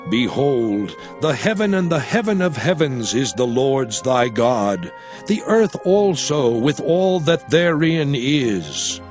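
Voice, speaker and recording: Playing a solemn prophet, a man calls his people to listen with steady, declamatory measure. It's a dramatized scripture recording, and his pitch is medium.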